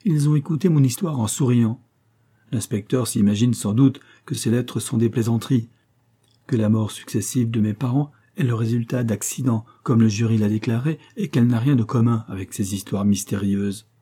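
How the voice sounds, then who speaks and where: A man voicing a desperate young gentleman who feels hunted by fate, telling his story anxiously. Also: mid-range voice, moderate pace, breathy edge, lightly acted.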